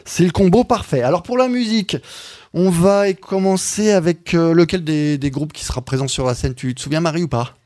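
Male radio host, rapid delivery, playful, hesitant fillers, studio mic. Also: on the high side. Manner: lively and joking, many hesitations. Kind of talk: live radio chat show.

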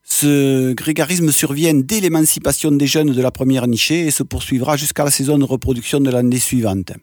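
Male wildlife presenter, informal nature-documentary explainer, medium pitch, teacherly, rephrases as he goes, close dry sound. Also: a little mellow, no room sound. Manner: didactic, pausing to search for words and reformulate. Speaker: bird presenter giving a talk.

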